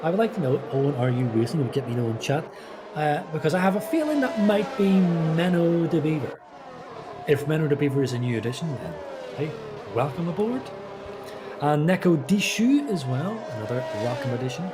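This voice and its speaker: A man's voice: on the high side, sing-song, a little fast, over music. A man co-commentating a sim race, chatty and rambling through anecdotes with lots of fillers.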